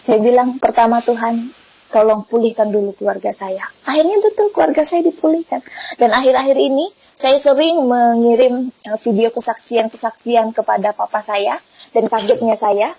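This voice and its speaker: A woman giving a personal faith testimony, telling her story in an animated way and acting out the quoted voices. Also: fairly high pitch, moderate pace, breathy edge. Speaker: testimony speaker. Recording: muffled lo-fi recording.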